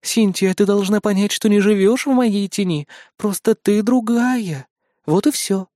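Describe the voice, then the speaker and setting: A man voicing a gentle, affectionate woman who soothes her best friend, in an audiobook. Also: sits high, unhurried, no echo, clean studio sound. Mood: calm.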